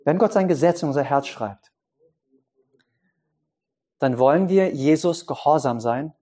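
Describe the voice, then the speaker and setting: Lively preacher, emphatic, slightly higher voice. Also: male voice, unhurried. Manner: addresses the congregation with questions and simple images; pitch swings up for emphasis and drops low for quiet points. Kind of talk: sermon.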